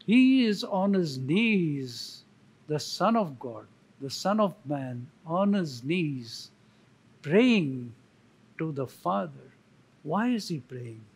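A man, a church elder, preaching a sermon slowly and emphatically, pausing for effect and repeating key words. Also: on the high side, very animated, vocal fry, breathy edge, poor audio. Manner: slow, emphatic, with dramatic pauses and repetition.

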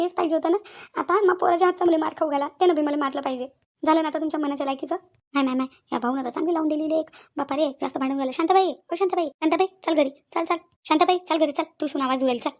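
A woman voicing quarrelsome middle-aged village women in a cartoon, accusing and bickering. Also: high-pitched. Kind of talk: cartoon voice acting.

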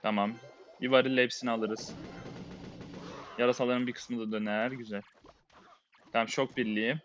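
A man's voice: mid-range voice, flat delivery, normal speed, lo-fi sound, soft background music. Muttering man calling his own game. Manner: muttering running play-by-play, often exasperated. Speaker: game streamer. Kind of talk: live gameplay commentary.

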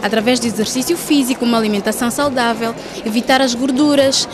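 A woman doctor from São Tomé and Príncipe, interviewed, calmly listing advice for a healthy life. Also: fairly high pitch, fast talker.

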